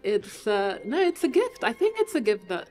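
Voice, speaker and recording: A young Lebanese composer, appearing as a guest on a podcast, talks animatedly at a moderate pace in a somewhat high voice, laughing often and switching between languages. Soft music plays in the background. She's recorded on a boom-arm studio mic in a room decorated with Christmas trees.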